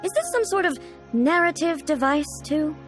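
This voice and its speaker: A woman's voice: high-pitched, animated, moderate pace. A woman playing a dignified, reclusive ruler in a video game, speaking formally and pensively with earnest, naive puzzlement. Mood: pensive, curious. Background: game music.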